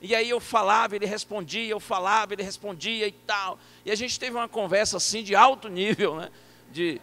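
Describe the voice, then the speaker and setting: A male pastor with a Brazilian Portuguese accent telling a story from the pulpit in an animated, playful way, acting out the voices. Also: high-pitched. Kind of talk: storytelling sermon. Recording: echoey church hall.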